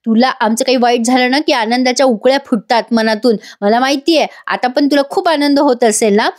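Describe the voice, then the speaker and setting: A woman's voice: high-pitched, fairly quick, close to an everyday voice. A woman voicing a furious, vengeful middle-aged mother who accuses and threatens a girl, in a serial recap.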